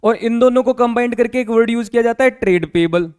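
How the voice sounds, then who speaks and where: Speaking quickly, the man gives a classroom accounting lecture in a fairly high voice that is clean and a little mellow. He explains patiently, repeats key terms, and keeps asking whether students have understood. It's a close, dry recording with no echo.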